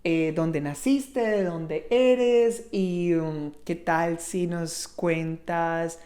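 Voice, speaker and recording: A woman's voice: fairly low pitch, fairly even intonation, drawn-out words. A woman hosting a podcast interview, asking long, meandering questions and backing the guest with short remarks. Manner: warm encouraging interjections, rambling questions. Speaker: podcast host. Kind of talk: conversational interview.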